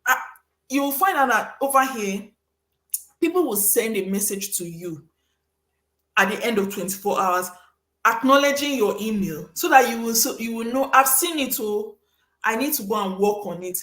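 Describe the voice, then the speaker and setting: A woman hosting a casual advice talk, emphatic and animated, acting out little scenes with sudden high voices. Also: reverberant. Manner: emphatic, repeats for stress. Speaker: host giving career advice.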